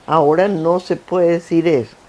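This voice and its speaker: An older woman with a Guayaquil coastal accent talks at a moderate pace and fairly low pitch, telling anecdotes about her work. She's the guest in a conversational interview on a theater stage, founder of a foundation, animated in manner and given to repeating herself in lists.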